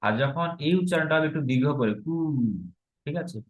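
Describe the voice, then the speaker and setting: A man's voice: fairly high pitch, racing. A man teaching a grammar lesson, explaining step by step and asking the class rhetorical questions. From Bangladesh. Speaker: Sanskrit teacher. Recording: slightly dull, lo-fi recording.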